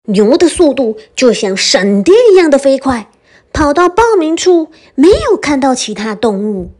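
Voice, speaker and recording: Gentle woman reading a bedtime story. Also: high-pitched, normal speed. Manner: gentle, expressive children's narration.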